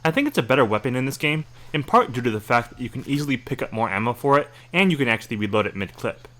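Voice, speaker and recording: A game walkthrough narrator gives informative gameplay commentary at a quick clip, his bright, forward voice moving around lively in pitch. He explains things methodically while adding his own opinions.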